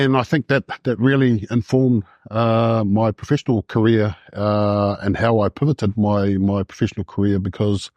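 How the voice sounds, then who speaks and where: A man in his forties, born in Samoa, telling his life story as a podcast guest, with many pauses and restarts. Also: on the low side, mellow, no echo. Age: 40s. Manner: halting, many fillers and restarts. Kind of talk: podcast interview in a classroom.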